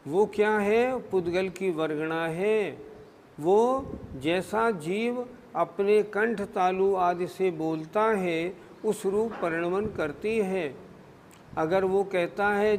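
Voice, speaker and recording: A man's voice: high-pitched, big-room sound, a little hiss or hum. A man giving a scriptural discourse as a religious scholar, explaining patiently and answering his own questions.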